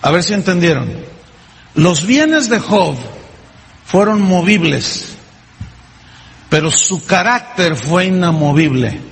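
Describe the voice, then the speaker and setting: A man preaches a sermon in a high-set, unhurried voice, pressing his points home with question after question aimed at the congregation. The recording carries a long hall reverb and a faint hum of room ambience behind him. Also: animated, vocal fry. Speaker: pastor.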